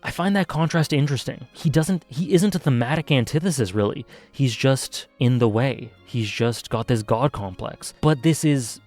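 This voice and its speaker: A man's voice: medium pitch, moderate pace, hardly any pauses, a little mellow, soft background music. A man casually reviewing an anime arc, thinking aloud with many fillers and self-corrections.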